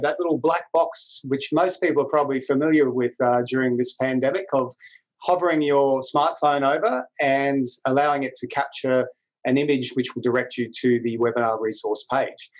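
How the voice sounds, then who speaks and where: A man's voice: mid-range voice, poor audio. A middle-aged man with an Australian accent, presenting a webinar introduction as moderator in an informal, colloquial way over a video call. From New South Wales, Australia. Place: small indoor office room. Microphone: video call computer microphone.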